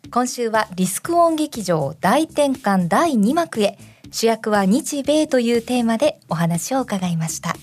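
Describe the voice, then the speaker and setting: A woman's voice: fairly high pitch, very animated, unhurried, darkish tone. A woman hosting a radio programme, presenting segments and responding conversationally. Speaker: host. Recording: faint music behind. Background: music.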